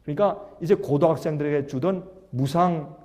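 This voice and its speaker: High-voiced man preaching in a reverberant hall. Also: normal speed. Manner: rhetorical questions, swinging between loud and hushed. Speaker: pastor. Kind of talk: sermon.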